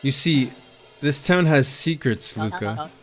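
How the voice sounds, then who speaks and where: A man voicing a folksy, smooth-talking older man in a game, reassuring and persuasive. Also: medium pitch, slow pace, close to an everyday voice. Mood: coaxing. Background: game music.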